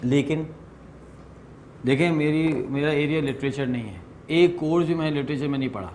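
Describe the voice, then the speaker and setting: Leading an informal workshop lecture, this middle-aged man has a slightly high, somewhat mellow voice, with faint hiss or hum behind it. He sprinkles in English and performs the dialogue in the self-mocking stories he tells the room.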